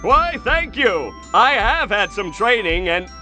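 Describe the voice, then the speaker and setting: An actor playing a brash, self-important announcer narrating a cartoon game. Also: male voice, high voice, sing-song, takes it slowly, pushed and bright, soft background music, full character voice. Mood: showy.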